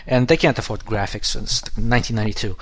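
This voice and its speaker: A man in his thirties chatting casually on a podcast, rambling and restarting his sentences, swearing freely, a bit hoarse as his voice goes. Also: on the low side, fast. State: losing his voice. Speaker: podcast co-host, app developer.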